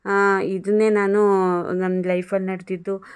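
A woman hosting her own channel, telling a personal story in a calm, even way with many small filler sounds. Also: medium pitch, measured pace, smooth. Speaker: channel host.

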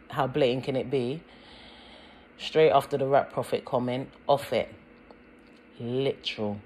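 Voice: medium pitch, steady tone, measured pace, pauses often, a little mellow, a little hiss or hum, rough recording. A speaker with a British accent giving earnest, insistent commentary over a music video, with frequent ums and repeated words.

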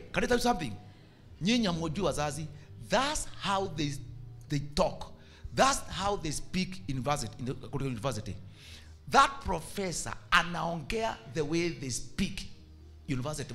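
A bishop preaching with real animation, his high voice edged with a gravelly rasp and a bright, forceful tone. Faint music sits under him. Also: moderate pace. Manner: animated preaching, mixing Swahili and English. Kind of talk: sermon.

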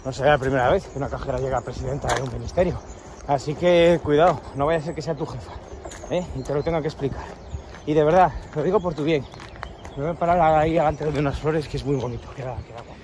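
A Spanish vlogger, his accent Peninsular, talks fast in a darkish voice on the high side while slight background noise carries on. Panting up a steep outdoor climb, he rambles crudely and sarcastically at the camera.

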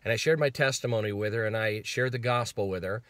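Guy with a lowish voice, chatty storytelling w/ uh fillers, dry close sound. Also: fast, a bit bright, no room sound. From New Jersey. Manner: retells conversations in a chatty way, with "uh" fillers. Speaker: ministry vlogger. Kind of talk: casual storytelling.

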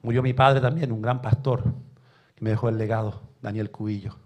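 A man preaching a sermon in a church, telling stories with emotion and swinging from soft to loud. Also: fairly low pitch, fairly even intonation, fairly quick, lo-fi sound. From Chile.

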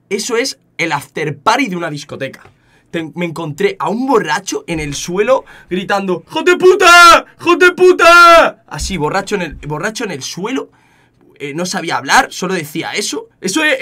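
A young man with an accent from Spain, telling a story casually to his chat, animated and often repeating words. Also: fairly high pitch. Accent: Spain Spanish. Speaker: streamer.

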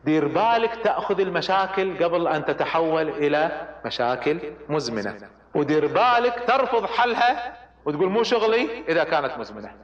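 A middle-aged man lectures on leadership at a quick clip. He speaks in a high voice and pushes his listeners with sudden emphatic rises. The recording is dull and echoey, as if made in a lecture hall. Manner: animated, exhorting the audience with sudden rises. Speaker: leadership trainer.

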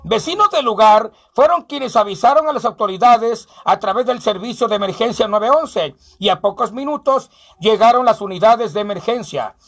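High husky Mexican clown host. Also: male voice, expressive, normal speed, fairly bright tone. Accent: Mexican Spanish. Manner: joking, reads ads and phone numbers rhythmically. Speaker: clown host of a local show. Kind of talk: comic radio-style show with ads and news.

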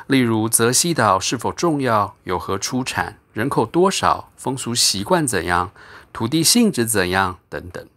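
Brief: male storyteller, animated and measured narration. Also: lowish voice. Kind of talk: scripted audiobook narration.

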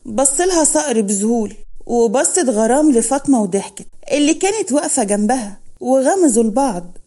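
A woman with an Egyptian accent narrating a romantic story in a smooth, dramatic telling. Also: on the high side, animated, fairly quick, mellow.

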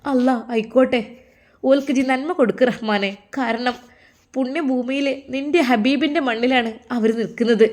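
A woman's voice: on the high side, darkish tone, lightly acted. Woman doing a doting, devout old mother. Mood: prayerful. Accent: Malappuram Malayalam. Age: older. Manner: fervent, prayerful, doting. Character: older mother, tender and devout.

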